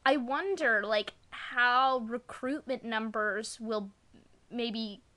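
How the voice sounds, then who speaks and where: Casting: young woman co-host, bright voice on the higher side, casual and a little tentative. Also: slow pace. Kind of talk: casual chat.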